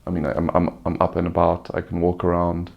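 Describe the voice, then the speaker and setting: Subdued, gravelly man, weary after surgery. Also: deep voice, monotone, fast, dull audio. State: recovering from surgery with a sore throat. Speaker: vlogger giving a recovery update. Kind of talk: casual personal update, unscripted.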